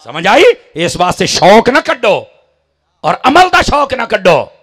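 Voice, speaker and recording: Punjabi-accented male preacher, high and very lively pitch, bright edge, impassioned shouting sermon. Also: unhurried. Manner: impassioned, swings from murmurs to shouted climaxes. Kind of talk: fiery Punjabi sermon to a crowd.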